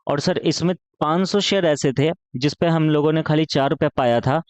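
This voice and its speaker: A man's voice: a little high, normal speed, clear, resonant tone, dry recording. A man teaching an accounting lesson in a playful, chatty tone, asking questions in his students' voice and answering them himself. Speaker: commerce teacher.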